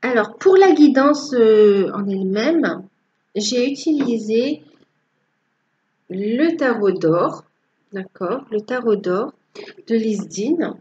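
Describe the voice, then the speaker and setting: A woman giving a tarot reading to her viewers, with a halting delivery that repeats phrases. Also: fairly high pitch, animated, dark tone, muffled recording. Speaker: tarot reader.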